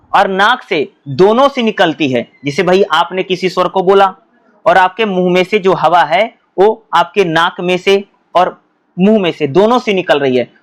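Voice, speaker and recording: A male teacher explaining exam topics who asks questions and answers them himself and often repeats his points. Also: high-pitched. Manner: often repeats himself and addresses students as bhai.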